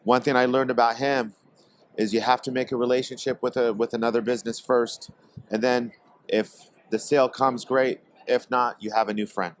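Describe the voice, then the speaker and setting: A man from Portland, Oregon, guest on a podcast, speaking hesitantly with many pauses and fillers. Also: medium pitch, little pitch movement, dry recording. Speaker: guest, tobacco company executive. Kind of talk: casual podcast interview. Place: trade expo.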